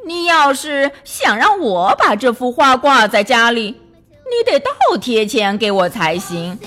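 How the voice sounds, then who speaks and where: A woman voicing a scornful, hoarse female mouse in a children's story. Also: fairly high pitch, sing-song, a little slow, fairly bright tone, faint music behind, full character voice. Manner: scornful, mocking. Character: sneering hoarse female mouse, sharp-toothed.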